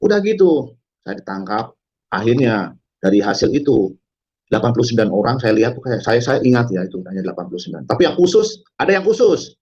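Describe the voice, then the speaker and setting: A man telling his story to an audience in a dramatic testimony, halting with many fillers and breaking into loud quoted shouts. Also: mid-range voice, very animated, slightly rough, lo-fi sound. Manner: halting, frequent fillers and restarts. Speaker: testimony speaker. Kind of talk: dramatic spoken testimony to a congregation.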